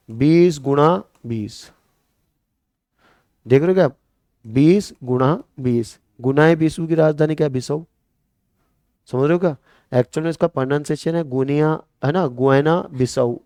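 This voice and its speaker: A man's voice: fairly high pitch, no echo. A male coaching-class teacher from Rajasthan with a Marwari-tinged Hindi accent, lecturing with memory tricks and quizzing his students. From Rajasthan, India. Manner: lively, repeats questions to students and answers them.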